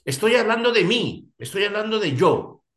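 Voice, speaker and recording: A man's voice: high-pitched, very animated, normal speed, a bit bright. A man leading a philosophy seminar, thinking aloud with many restarts and rhetorical questions. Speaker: seminar leader. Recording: echoey room.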